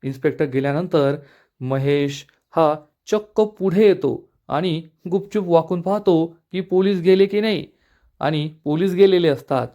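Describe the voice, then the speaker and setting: Brief: male recap narrator, plain storytelling, a bit high-pitched. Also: measured pace, dark tone. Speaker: serial episode recap narrator.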